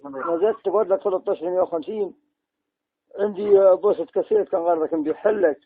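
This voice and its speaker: Husky fast man on a tinny phone line. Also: high voice, steady tone, no echo. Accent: Algerian. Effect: heard over a phone line. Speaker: seller on a phone call. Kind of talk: comic phone call.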